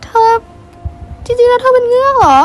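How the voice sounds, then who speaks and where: A woman's voice: extremely high pitch, steady tone, fairly quick, faint music behind. A female performer voicing a friendly young mermaid princess who acts as a protective guide, eager and reassuring, in amateur story role-play. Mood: curious.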